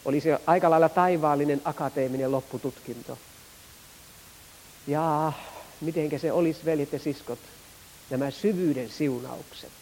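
A man preaching a Pentecostal sermon, moving between quiet, hushed passages and raised, fervent ones. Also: fairly high pitch, big-room sound, a little hiss or hum, low-quality recording.

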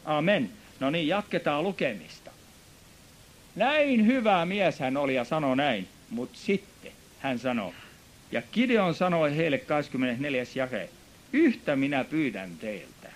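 A man preaching a sermon, emphatic and rising to shouts, with frequent amens and hallelujahs. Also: fairly high pitch, big pitch swings. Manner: emphatic, shouting at peaks, repeats amen and hallelujah.

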